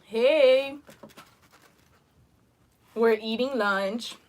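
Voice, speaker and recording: A woman's voice: a little high, drawn-out words. A young woman co-hosting a live lunch stream, chatting casually while she eats and filling her talk with "like" and "literally". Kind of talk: casual chat while eating. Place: at home over lunch.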